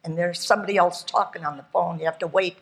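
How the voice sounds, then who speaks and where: A woman's voice: on the low side, steady tone, fast. A ninety-one-year-old woman speaking plainly as a guest on a panel discussion. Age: 90s.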